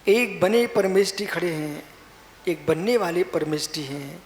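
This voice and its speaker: Jain monk preaching in an echoing hall. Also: male voice, a little slow. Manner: repetitive, exhorting, rising to emphatic high-pitched stress. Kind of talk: sermon. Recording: echoey hall with faint hiss.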